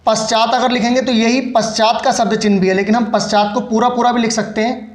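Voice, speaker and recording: A man's voice: very high-pitched, little pitch movement, a little fast. A man giving a patient step-by-step lesson in shorthand, explaining each stroke as he writes it. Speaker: shorthand teacher. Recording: echoey room.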